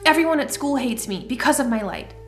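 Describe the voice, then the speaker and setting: A woman's voice: high-pitched, lively intonation, brisk, over music, pitched above the performer's own voice. A woman voicing a young firefly girl in a storybook reading, stuttering and blurting out her words in frustration. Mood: upset, frustrated. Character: young girl firefly, anxious and easily upset.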